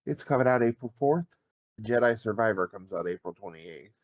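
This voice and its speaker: A man co-hosts a gaming podcast, matter-of-fact as he runs through news in casual chat. His voice is low. The recording sounds dull and dry. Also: animated, normal speed, no echo. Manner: matter-of-fact, lists release dates. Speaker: podcast co-host.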